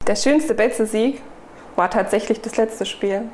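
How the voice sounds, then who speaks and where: A woman's voice: fairly high pitch, measured pace, darkish tone. Cheerful woman guest in an echoey room. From eastern Germany. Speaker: guest, new player. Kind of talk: casual interview answers. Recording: echoey room with faint noise.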